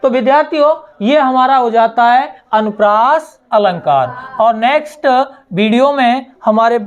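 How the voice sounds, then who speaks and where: A woman teacher giving a slow classroom explanation, asking her students questions and answering them herself, repeating key words. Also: fairly high pitch, lively intonation, highs cut off. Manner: recites verse lines slowly, word by word.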